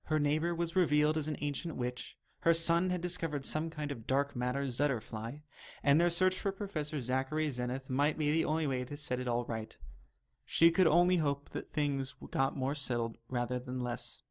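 A man narrating an animated chapter of a children's novel in a steady, even reading. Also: a little high, moderate pace. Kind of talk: storybook narration.

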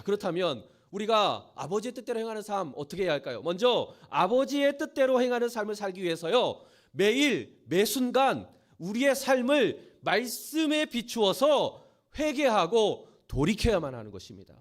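A male pastor preaching a sermon, asking his congregation rhetorical questions and retelling scripture in lively plain speech. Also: high-pitched.

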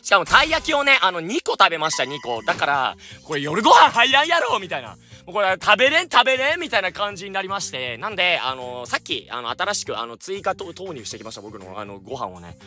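High, lively man. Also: fast talker, few pauses, soft background music. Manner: energetic, jokey, loud outbursts. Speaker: gaming YouTuber. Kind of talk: let's-play commentary.

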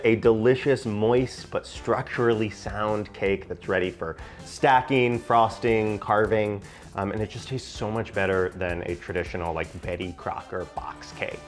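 Chatty low-voiced man hosting a baking show. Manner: chatty and playful, full of "like" fillers. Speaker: baking channel host. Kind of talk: casual cooking tutorial.

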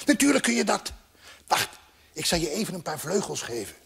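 A man's voice: sits high, sing-song, fairly quick, creaky, fairly bright tone, slightly rough, heavily acted. A man voicing a cheeky, bossy little bird that chirps and nags impatiently. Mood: teasing.

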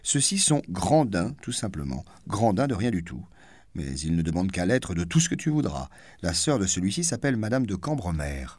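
A curt, teasing old noblewoman presiding over her salon, put on by a male audiobook reader. He lifts the voice well above his own and gives it lively pitch. It is recorded dry and close. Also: brisk, dry recording. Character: old aristocratic woman hostess, dry and teasing.

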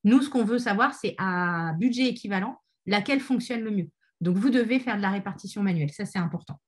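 A woman's voice: medium pitch, a little fast, slightly rough. A woman presenting an online training session, talking with many fillers and restarts. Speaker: webinar speaker on ad testing.

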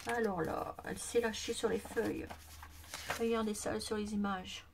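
Against background noise, a woman in a craft vlog unboxes gifts she was given and chats casually to camera, gushing, exclaiming, and sometimes whispering while her voice gives out. She speaks at normal speed in a creaky, mid-range voice with a steady tone.

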